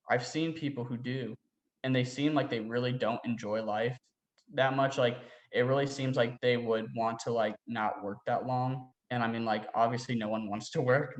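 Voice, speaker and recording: A young man talking casually as an interview guest, rambling and filling his sentences with "like". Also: mid-range voice. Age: young adult. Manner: rambling, heavy use of "like" fillers. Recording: roomy echo.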